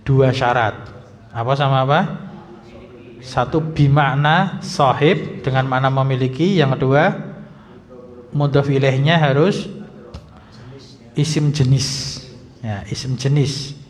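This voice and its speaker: A male Islamic teacher giving a grammar lesson in a mosque, reading text slowly, then explaining briskly and quizzing his students. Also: mid-range voice, steady tone. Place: mosque hall. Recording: dull lo-fi sound in a reverberant hall.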